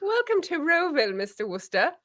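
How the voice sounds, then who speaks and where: A man's voice: very high-pitched, very animated, brisk, fairly bright tone, pitched above the performer's own voice, full character voice. A man doing a mild, genteel little curate. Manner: genteel, kindly and prim. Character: mild, benevolent male curate, round and small.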